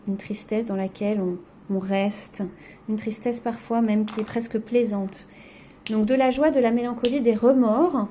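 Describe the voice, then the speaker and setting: A woman's voice: on the high side, mellow, a little hiss or hum. A woman teacher going over a poetry exercise in a recorded lesson, explaining step by step with frequent "donc" and "hein".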